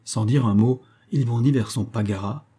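A man narrating a classic adventure novel aloud in a steady storybook style. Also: medium pitch, moderate pace, slightly rough. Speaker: audiobook reader.

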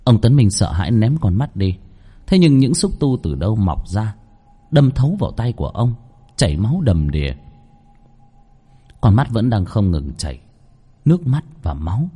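A man's voice: fairly low pitch, sing-song, moderate pace, pauses often, warm tone, breathy edge. Man narrating a suspenseful horror story. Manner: dramatic, suspenseful.

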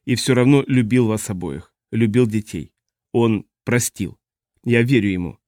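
A man reading the part of a steady older man who consoles the others in a low, calm voice. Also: a little slow, no room sound, studio quality, lightly acted. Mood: consoling.

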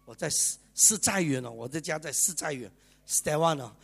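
A male pastor, giving a lively, chatty sermon and keeping the congregation engaged with constant rhetorical questions. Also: a little high, moderate pace, creaky, husky. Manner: lively, chatty preaching with bursts of laughter. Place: church service.

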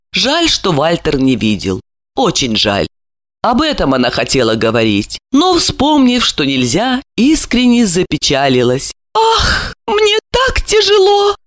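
A woman narrating an audiobook in an expressive storytelling manner. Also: lowish voice, dry recording, studio quality.

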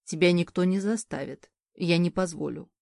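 A woman voicing a male mage husband who speaks softly and calmly, with gentle teasing. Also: fairly low pitch, creaky, no echo, studio quality. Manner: soft, calm and measured.

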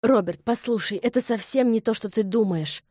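A woman's voice: a little high, normal speed, darkish tone, no room sound, studio quality, lightly acted. A woman voicing a distressed young noblewoman who pleads in a raised, emotional voice in an audiobook. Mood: pleading.

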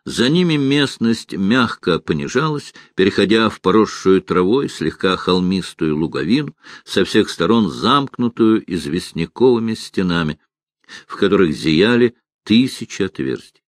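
A man narrating a fantasy audiobook in an expressive, unhurried storytelling manner. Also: low-pitched, dry recording, clean studio sound.

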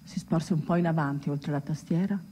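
On a live theatre stage, a woman actor delivers a dramatic monologue as a ship's musician recounting his friend's legend, emphatic, with long suspenseful pauses and sudden outbursts. Her voice sits low and dark, close to everyday speech, and the mood is hushed suspense. The hall recording is reverberant, with clear background noise.

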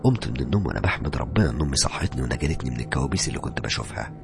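A man with an Egyptian accent narrating a first-person horror story, dramatic and hushed at tense moments. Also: rumbling low, expressive, racing, gravelly, music in the background. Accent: Egyptian Arabic.

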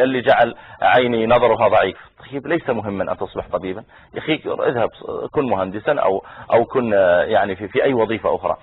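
A man giving a conversational religious lesson, briefly voicing the people he quotes, his voice husky. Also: mid-range voice. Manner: conversational, acts out quoted speakers. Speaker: preacher. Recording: tinny phone-like recording.

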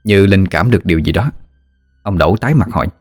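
Deep male storyteller, measured ghost-story read, dry booth sound. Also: animated, no room sound. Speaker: narrator.

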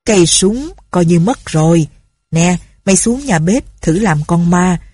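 A scheming old former pirate chief in a storybook, bossy and gruff, put on by a woman reader. He speaks in a low, warm, husky voice. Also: animated, measured pace. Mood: commanding.

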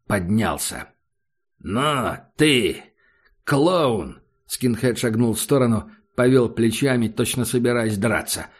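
A man narrating an audiobook in a steady, dramatic storytelling manner. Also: medium pitch, slightly rough. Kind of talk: scripted narration.

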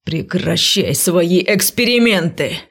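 A woman reading an audiobook, voicing a sullen, stubborn male necromancer who snaps his lines low and hushed. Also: normal speed, gravelly. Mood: irritated. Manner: curt, snapping, low and hushed.

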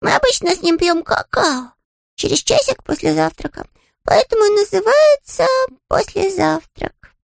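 A tiny earnest bear, squeaky and sing-song, his voice leaping wildly up and down. There is a gravelly edge in it. The recording is dry and close. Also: very animated, normal speed, dry recording, exaggerated voice. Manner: eager, innocent and very high. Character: small polite young male bear, earnest. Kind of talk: audiobook character voice.

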